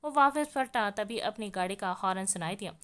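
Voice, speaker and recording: A woman reading a romance novel aloud with expressive storytelling. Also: medium pitch, moderate pace, clean tone. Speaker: audiobook narrator.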